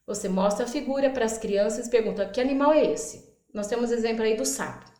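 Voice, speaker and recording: A woman teacher with a fairly high voice walks through literacy activities step by step. She stretches words out slowly to show how they break into sounds, then voices her prompts to the children. The recording has a noticeable room echo. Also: animated, darkish tone. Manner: stretches out words for demonstration, acts out classroom prompts. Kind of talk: instructional explainer.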